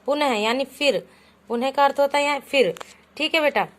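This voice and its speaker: Lady teacher going through sanskrit words w kids, kinda high voice, patient, reads then explains. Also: normal speed. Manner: patient, calls the pupils "beta", reads each example aloud then translates it. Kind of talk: classroom lesson explaining Sanskrit words in Hindi.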